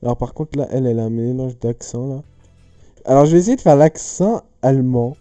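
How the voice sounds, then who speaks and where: A man's voice: mid-range voice, brisk, warm tone, no echo, faint music behind. A man chatting casually as he solves riddles aloud, rambling, joking and correcting himself mid-sentence. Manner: rambling, jokey, self-correcting. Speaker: youtuber. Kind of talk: casual chat solving riddles on camera.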